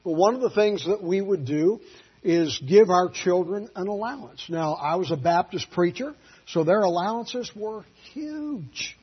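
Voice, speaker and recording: Husky high-voiced man preaching. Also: expressive, a little slow, muffled recording. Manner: folksy storytelling, swings from quiet asides to loud emphatic peaks. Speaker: Baptist pastor. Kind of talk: sermon.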